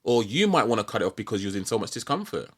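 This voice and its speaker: A man's voice: on the low side, sing-song, racing, breathy edge. A British man hosting a conversational podcast interview, asking reflective questions in an informal way. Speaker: podcast host.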